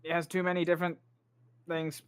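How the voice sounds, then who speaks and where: Game master reading rules aloud. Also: male voice, a little high, monotone, brisk, a little hiss or hum. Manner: thinks aloud while reading rules, many fillers. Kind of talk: running a tabletop game.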